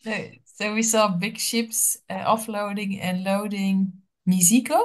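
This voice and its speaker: Female language student, hesitant and searching, slow delivery with frequent fillers. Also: mid-range voice, fairly even intonation, slight background noise. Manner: hesitant, thinking aloud with many uh fillers. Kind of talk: one-on-one language lesson.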